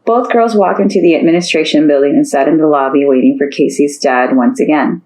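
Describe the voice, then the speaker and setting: A woman's voice: deep voice, fairly quick, mellow, poor audio. A woman narrating a story aloud, reading steadily and lifting her voice for the characters' lines.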